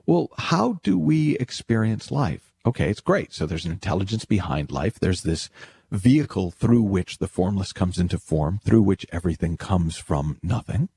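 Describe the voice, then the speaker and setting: A man's voice: low voice, animated, normal speed, vocal fry, dark tone, husky. A man giving an explanatory motivational talk, speaking to the listener directly with emphatic phrasing and rhetorical questions. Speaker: speaker teaching spiritual principles.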